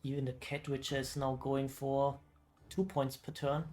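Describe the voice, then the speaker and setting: A man casting a card game match as esports commentary, casual and exclaiming, often thinking out loud. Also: mid-range voice, completely flat delivery, moderate pace. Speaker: esports caster.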